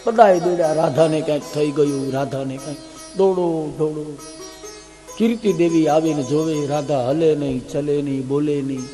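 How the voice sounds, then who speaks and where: High-voiced man telling a devotional story. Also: fairly quick, few pauses, faint music behind. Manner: acts out characters' lines with swings of pitch and loudness. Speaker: katha storyteller.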